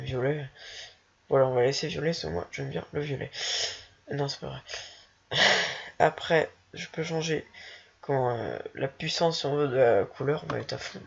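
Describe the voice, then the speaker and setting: A speaker casually walking through a software tutorial while thinking aloud, hesitant and self-mocking. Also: mid-range voice, creaky, breathy edge. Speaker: tutorial maker. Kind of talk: casual screen-recorded software walkthrough. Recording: dull lo-fi home recording.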